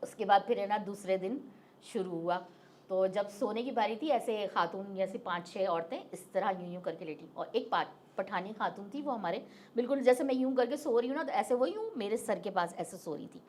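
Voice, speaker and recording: A woman's voice: mid-range voice, animated, normal speed, darkish tone, slight background noise. A middle-aged woman recounting a personal experience in casual, vivid detail as an interview guest. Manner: vivid, detailed retelling with acted-out quotes. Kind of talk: casual spoken storytelling.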